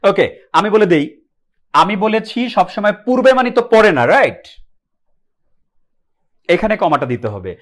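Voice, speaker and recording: Young guy teaching english grammar live online, high voice, keeps asking the class then answering himself. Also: sing-song, unhurried, pauses often. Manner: asks the class questions and answers them himself; mixes English words into his speech.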